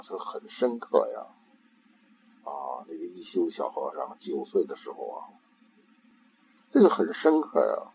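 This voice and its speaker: An older man and grandfather giving an informal Buddhist talk, slow and halting, often repeating words while he searches for them. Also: lowish voice, darkish tone, muffled recording, a little hiss or hum.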